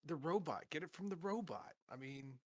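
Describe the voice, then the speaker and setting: Animated joking man at the game table. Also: on the high side, a little fast, no room sound. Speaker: player. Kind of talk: playing a tabletop game in character.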